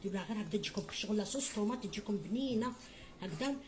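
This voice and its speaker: A woman's voice: mid-range voice, lively intonation, rapid-fire, slight background noise. A middle-aged woman with an Algerian Arabic accent giving a home cooking tutorial, chatty and motherly, calling viewers her children and adding blessings. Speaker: home cook.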